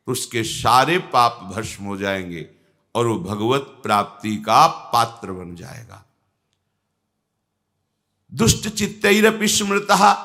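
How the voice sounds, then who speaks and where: Slow, bright-voiced older man preaching. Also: mid-range voice. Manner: slow, measured, quotes scripture in a rising tone. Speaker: spiritual teacher. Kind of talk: devotional discourse.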